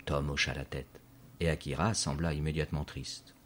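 A man narrating a storybook in a measured, scripted audiobook delivery. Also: very deep voice, little pitch movement, a bit bright.

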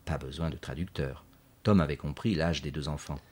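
A man reading a children's story aloud in a measured, clear narration. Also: very deep voice, a little mellow.

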